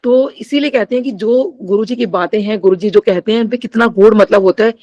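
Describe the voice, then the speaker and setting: A woman's voice: mid-range voice, brisk, darkish tone, muffled recording. A middle-aged woman tells a spiritual testimony to a gathered congregation. She speaks to them directly and often, slipping English phrases into her Hindi. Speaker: devotee sharing a testimony.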